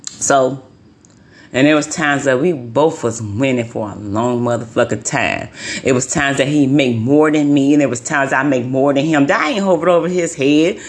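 A woman's voice: a bass voice, normal speed. A woman in her forties, a tarot card reader, delivering a heated, profane rant to her viewers and repeating her points for emphasis. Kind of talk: heated ranting monologue.

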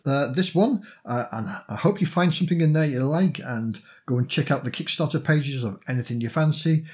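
A man hosting a podcast, chatting casually through a roundup of tabletop game projects, often trailing off lower at the ends of phrases. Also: a little mellow. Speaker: podcast host.

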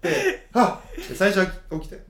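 Young man, Kansai accent, high and lively, animated storyteller, roomy sound. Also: fairly quick. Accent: Kansai Japanese. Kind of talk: casual chat.

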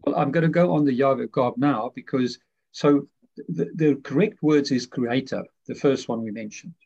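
A man's voice: mid-range voice, normal speed, vocal fry, darkish tone. A man, a guest author, explaining his ideas in a rambling way full of fillers and restarts. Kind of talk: conversational explanation. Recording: muffled lo-fi audio.

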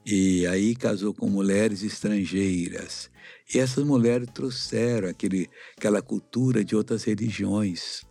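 A man's voice: fairly low pitch, measured pace, vocal fry, dark tone, faint music behind. A middle-aged man with a Brazilian accent teaching a children's Bible lesson like an uncle, explaining and asking simple questions. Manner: avuncular, didactic, asks questions. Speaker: missionary Bible teacher, host.

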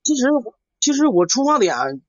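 A man calling in for advice, chatting casually in a hesitant, halting way and repeating himself. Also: extremely high pitch, sing-song, heavy background noise. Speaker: caller seeking advice. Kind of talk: casual chat. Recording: dull lo-fi live call.

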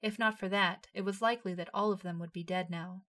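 A woman narrating a fan fiction story aloud in a steady storytelling voice. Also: mid-range voice, a little fast.

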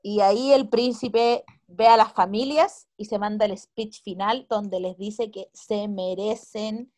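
A woman's voice: mid-range voice, steady tone, takes it slowly, darkish tone. A woman chatting casually, joking and adding playful acted lines. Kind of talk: casual chat retelling a story.

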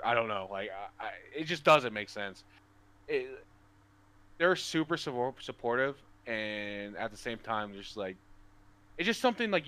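A man's voice: mid-range voice, a bit bright. A young man, a pro player as guest, talking casually with many restarts and "bro" and "dude". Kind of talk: casual interview chat.

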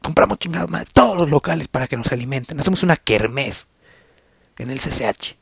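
A young Mexican-accented man talks in a loose, rambling podcast monologue full of crude slang. His voice sits a little high for a man, and the recording is dry and close, with no room sound. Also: lively intonation, brisk, gravelly, slightly rough, dry recording. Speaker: podcast host.

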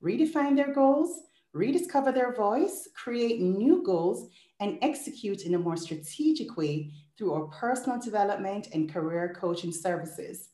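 A woman's voice: mid-range voice, animated, moderate pace, dark tone, reverberant. A woman hosting a podcast, reading an intro in an effusive, rhythmic listing style and then interviewing a guest. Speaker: podcast host.

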